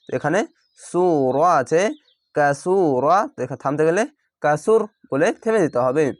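A man teaching recitation, chanting each word slowly and then patiently spelling it out syllable by syllable. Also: a little high, animated, a little mellow, no echo, studio quality. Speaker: Quran reading teacher.

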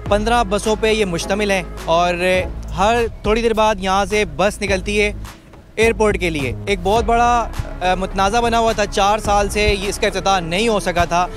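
High-voiced male field reporter. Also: normal speed. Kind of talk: on-the-spot news report. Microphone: handheld microphone. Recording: loud background music under voice.

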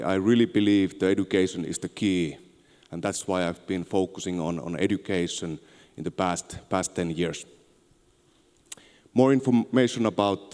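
On stage in a big auditorium, a man in his thirties from Finland, a tech entrepreneur, presents at a conference into a handheld mic, speaking informally and a bit haltingly with a Finnish accent. His voice is low and darkish in tone, and the large hall gives the sound a long, echoing reverb.

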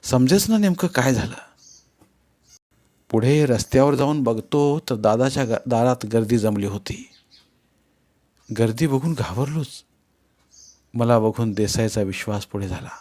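A man narrating a novel in the first person, in an expressive, grave storytelling manner as an audiobook reader. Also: mid-range voice, measured pace, pauses often.

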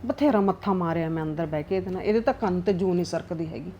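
A woman's voice: fairly high pitch, fast, muffled recording, a little hiss or hum, lightly acted. A woman acting as a scheming, nagging middle-aged mother-in-law who lectures and scolds in a family drama. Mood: muttering scheming.

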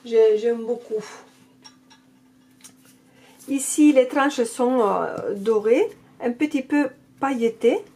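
Lady with a non-native accent doing a chatty card unboxing, fairly high voice, gushes a lot. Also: slow, pauses often, mellow. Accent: non-native French accent. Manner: gushing, repeats praise. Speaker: oracle card reviewer. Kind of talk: casual unboxing chat.

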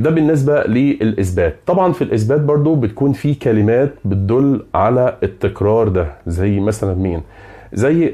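Man, Egyptian Arabic accent, teacher, warm low-bright voice, rapid explanatory delivery. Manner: checks in often with "okay?" and "right?". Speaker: English teacher. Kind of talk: explanatory grammar lesson.

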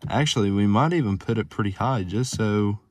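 A man's voice: fairly low pitch, brisk, darkish tone, no echo. A young man, vlogging casually from inside his pickup truck, rambling with lots of fillers. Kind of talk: casual vlog narration.

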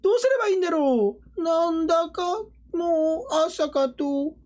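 A man voicing a small, timid, childlike cartoon creature in a high, soft, drawn-out voice, sounding wistful.

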